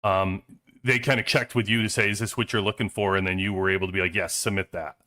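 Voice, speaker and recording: A man hosting a casual interview, asking halting questions full of fillers and restarts. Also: lowish voice, steady tone, pushed and bright. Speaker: podcast host.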